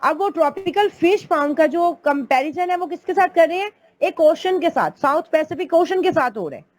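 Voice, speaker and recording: A woman's voice: very high-pitched, lively intonation, moderate pace. A woman teaching an online English grammar class, explaining patiently step by step and calling her students "beta".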